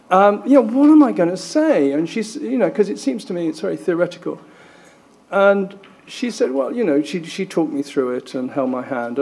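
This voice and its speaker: A man speaking at a conference, his voice sitting a little higher than most men's. He talks in a self-deprecating way, pausing on ums and restarting his sentences as he works through his points. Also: a little mellow. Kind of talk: academic conference talk. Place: lecture room at a conference.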